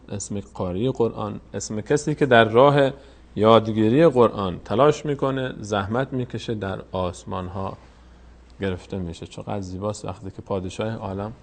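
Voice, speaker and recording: A man with a low, gravelly voice leads a Quran reading lesson. He explains each mark patiently and repeats the words in a slow, drawn-out way. His delivery stays calm and deliberate throughout.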